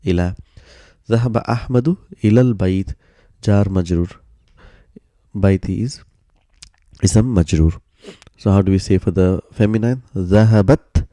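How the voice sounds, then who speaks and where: In this grammar lesson, the low, mellow-voiced man explains patiently and methodically, falling back on "so" and "uh" along the way. He talks at normal speed, and the close, dry recording carries no echo.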